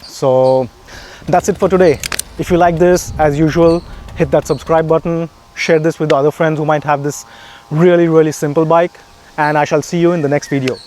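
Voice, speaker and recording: A man vlogging a motorbike repair outdoors, talking through each step in a relaxed, plain-spoken way. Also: a little high, moderate pace, slight background noise. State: a bit out of breath. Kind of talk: casual how-to narration. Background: idling motorbike engine.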